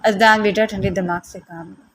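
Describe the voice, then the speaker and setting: A woman's voice: medium pitch, steady tone, natural voice. Woman reading as a worried old grandmother. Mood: soothing. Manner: gentle, soothing and pleading.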